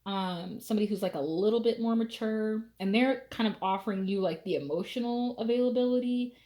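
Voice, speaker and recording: A woman's voice: mid-range voice, brisk, mellow. Young woman, tarot reader, casual chatty delivery, lots of fillers.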